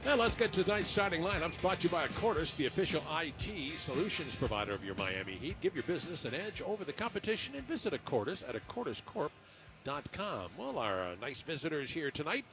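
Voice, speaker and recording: Male basketball radio announcer, fairly high voice, conversational and halting pre-game rundown. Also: very animated, over music. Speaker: play-by-play radio broadcaster.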